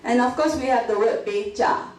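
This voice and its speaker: A woman's voice: a little high, normal speed, darkish tone, recorded from a distance. A Malaysian woman giving an interactive university lecture, quizzing her audience with frequent tag questions like "right?" and "okay?". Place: university multimedia classroom. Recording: echoey classroom, mic from afar, faint hiss.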